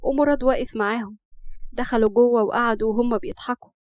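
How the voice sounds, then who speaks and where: A woman with an Egyptian accent narrating a family story in a brisk, lively way. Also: fairly high pitch, no echo. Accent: Egyptian Arabic.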